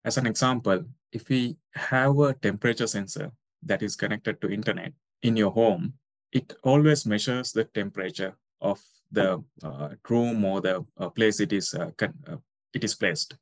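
A man's voice: fairly low pitch, moderate pace, no echo. A young man from Sri Lanka, a researcher answering interview questions with many hesitant fillers. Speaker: guest researcher.

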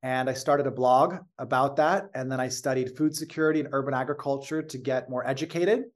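In a relaxed interview, a company founder with an American accent recounts his story fluently and with measure, only now and then using a filler. He speaks in a mid-range voice.

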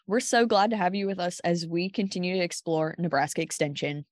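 A woman's voice: fairly low pitch, brisk, no room sound, studio quality. A woman co-hosting a farming podcast, reading upbeat introductions and asking the guest questions. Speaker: podcast co-host. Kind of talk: podcast interview.

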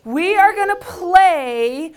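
A woman's voice: very high voice, lively intonation, slow, noisy background. A woman using a kindergarten teacher voice, leading young children in songs and action games with simple, repeated, encouraging instructions.

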